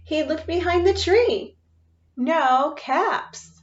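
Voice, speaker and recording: A woman teacher reading a picture book aloud to children, expressive and often asking them questions. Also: very high-pitched, drawn-out words, roomy sound. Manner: expressive, asks listeners questions. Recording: dull lo-fi sound.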